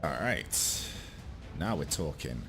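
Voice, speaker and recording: A man with a deep voice talks casually through a strategy game. He thinks aloud and drops dry asides, with game music playing behind him. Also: big pitch swings, slow pace, creaky. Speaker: gamer, video host.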